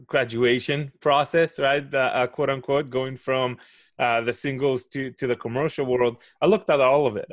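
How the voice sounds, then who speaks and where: A man in his forties from Israel, speaking with an Israeli accent in a medium-pitched voice, answers interview questions as a guest on a video call from his home office. He explains his views, making a point and then checking in with "right?". He uses a headset with a studio mic, and there is no room sound.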